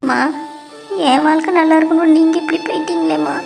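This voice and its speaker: A woman's voice: very high-pitched, steady tone, fast talker, gravelly, music in the background. A woman voicing a sad young wife in a cartoon who misses her mother, speaking in a plaintive, tearful way. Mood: sorrowful. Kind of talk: cartoon voice acting.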